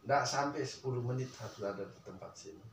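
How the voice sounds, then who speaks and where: Older guy telling a story, drops to a murmur then bursts out loud, far from the mic in an echoey room. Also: mid-range voice, quick pace. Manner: animated, swinging between hushed murmurs and loud outbursts. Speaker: guest recounting a family story. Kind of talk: casual conversational storytelling. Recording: echoey room, distant mic, faint ambient hiss.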